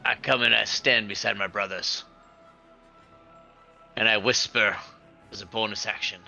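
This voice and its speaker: A man's voice: lowish voice, fairly even intonation, a little slow, vocal fry, pushed and bright, soft background music. A man talking casually as a player in a tabletop role-playing game.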